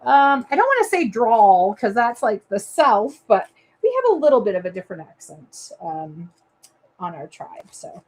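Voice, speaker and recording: Chatting with viewers as she works, a papercraft show host from Maine demonstrates crafts live in her Maine accent. Her mid-range voice has a sing-song quality and moves at normal speed.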